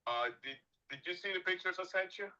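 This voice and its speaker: A man's voice: high voice, expressive, fairly quick, sharp tone. A man heard over a speakerphone, a contractor giving brief, matter-of-fact answers in a casual phone call. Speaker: contractor calling about a remodel. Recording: dull lo-fi speakerphone audio.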